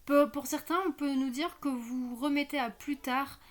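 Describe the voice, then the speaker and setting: A woman with a fairly high voice and a slight lisp on her s sounds. She talks casually, as an online card reader guiding viewers, and pauses to think aloud as she works things out. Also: steady tone. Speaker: online card reader hosting weekend guidance. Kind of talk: casual spoken tarot reading.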